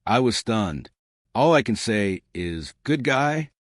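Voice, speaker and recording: Male storyteller, first-person narration, brisk and wry, low voice, lively pitch, dry close sound. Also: no room sound.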